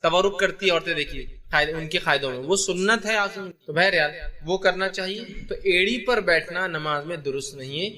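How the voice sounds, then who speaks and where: Man, religious lecture, bright tone, explanatory, rhetorical questions. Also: sits high, a little fast, few pauses. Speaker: Islamic teacher.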